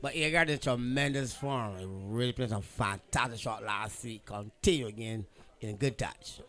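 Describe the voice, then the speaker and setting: A man's voice: mid-range voice, normal speed, a bit bright. A man giving casual, bantering cricket commentary, colloquial and emphatic, often repeating himself.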